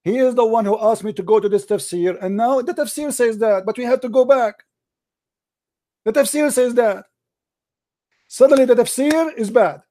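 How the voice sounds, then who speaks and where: A man hosting a heated call-in debate, combative and interrupting, reciting Arabic verses quickly. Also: extremely high pitch. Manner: combative, interrupting, shouts down the caller. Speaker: debate host.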